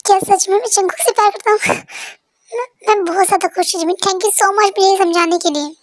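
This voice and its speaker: A woman's voice: extremely high pitch, fairly even intonation, fast talker, no echo, clean studio sound. A woman voicing a shy, jealous young man in love, in a fan-dubbed story, pleading and emotional. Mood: yearning.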